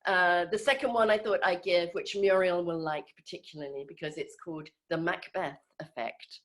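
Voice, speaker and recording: A woman's voice: fairly low pitch, fairly even intonation, moderate pace, fairly bright tone. A woman giving an informal talk on a video call, conversational and hesitant, with many fillers and restarts. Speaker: speaker in an online group session.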